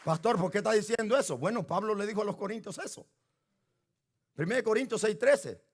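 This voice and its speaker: A man preaching a fiery sermon to his church on a microphone, shouting and exhorting the congregation. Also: high-pitched, fairly quick, breathy edge. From Latin America. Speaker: pastor. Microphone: handheld microphone.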